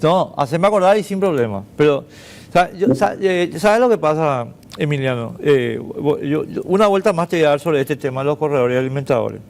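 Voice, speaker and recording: A man with a somewhat high voice hosts a studio debate, pressing his case with emphatic statements. He sets up rhetorical questions and then answers them himself. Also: animated, normal speed, darkish tone. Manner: argumentative and emphatic, makes points with rhetorical questions. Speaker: talk show host.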